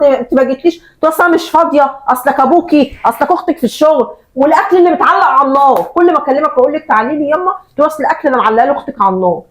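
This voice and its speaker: A woman's voice: high-pitched, rough recording. A woman playing a reproachful eldest daughter and mother of four who resents her sister, speaking with an Egyptian Arabic accent in a family drama skit. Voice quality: indignant, reproachful.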